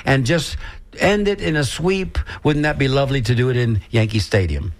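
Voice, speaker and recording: A man's voice: medium pitch, moderate pace. A man in his sixties co-hosting a community radio show, chatting in a folksy, joking way. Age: 60s. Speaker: radio co-host. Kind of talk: casual community radio chat.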